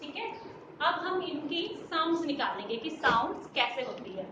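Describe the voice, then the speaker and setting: A woman's voice: high voice, very animated, moderate pace. A woman, teaching a nursery class in a sing-song way, mixing Hindi and English and asking the children questions. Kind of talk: children's lesson. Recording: roomy, distant, dull, noisy.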